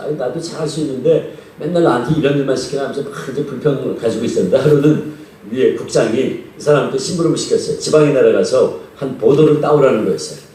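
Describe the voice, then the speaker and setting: A man's voice: mid-range voice, dark tone. A male pastor preaching a revival sermon in a church, talking conversationally and asking the congregation questions. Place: church sanctuary. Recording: echoey church hall, distant mic.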